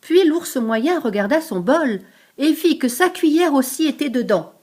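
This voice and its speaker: An older woman reading a picture book aloud to a grandchild, lively, stopping to explain hard words. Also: sits high, measured pace.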